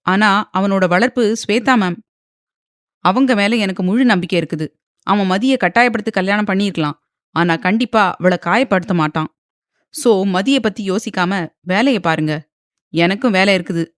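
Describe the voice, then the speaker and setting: A woman voicing a calm, confident man in an audio novel, speaking steadily to reassure others. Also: medium pitch, normal speed, no room sound, clean studio sound, close to an everyday voice. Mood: reassuring.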